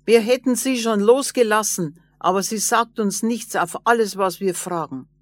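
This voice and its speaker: A woman's voice: medium pitch, moderate pace, no room sound, studio quality, voice pushed up, natural voice. A woman voicing a blunt, mocking male farmer in a fairy tale. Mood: gruff.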